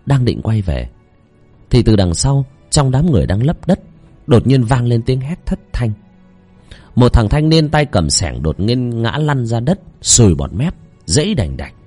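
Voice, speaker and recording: A man telling a village horror story in a dramatic, expressive voice. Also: medium pitch, a little slow, husky, soft background music.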